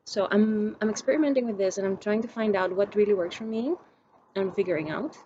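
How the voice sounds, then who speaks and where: A young Greek woman speaks to camera in a reflective personal vlog, musing aloud and restarting often as she searches for words. Her mid-range voice is brisk and warm. The recording has its highs cut off and a little hiss or hum.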